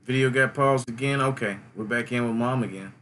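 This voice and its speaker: Bright-voiced male call-in host. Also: medium pitch, slight background noise. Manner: takes callers by number, talks over a stream. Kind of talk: live call-in commentary.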